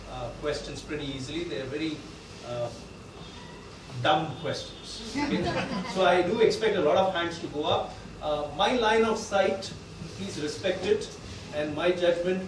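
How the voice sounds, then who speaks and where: Male event host, South Indian accent, jokey and informal, slightly high voice, distant in a very echoey room. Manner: jokey, self-deprecating. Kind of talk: informal live stage hosting. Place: indoor event venue with live audience. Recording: echoey hall, distant, noisy.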